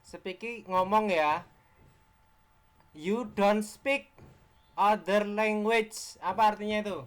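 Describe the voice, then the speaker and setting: A man's voice: high-pitched, fairly bright tone. A man with an Indonesian accent teaching an exam-prep lesson, explaining step by step, quizzing his students and repeating key words.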